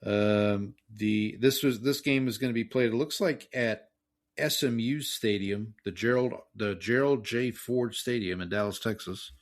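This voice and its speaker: A man's voice: on the low side, a little slow. A man co-hosting a podcast in casual sports-betting chat, wryly running through matchups and point spreads. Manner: wry, reads matchups and spreads plainly. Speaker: podcast co-host.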